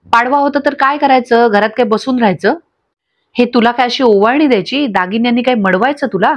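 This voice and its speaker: A woman's voice: a little high, brisk, lightly acted. A woman voicing a short-tempered, domineering husband who scolds and insults his wife, in a dull lo-fi recording. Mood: angry scolding.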